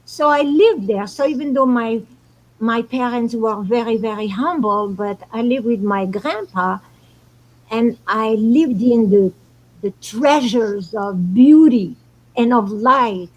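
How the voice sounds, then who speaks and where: A woman's voice: on the high side, slow, rough recording. A woman from Morocco, hosting a casual astrology talk and explaining spiritual ideas earnestly. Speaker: show host.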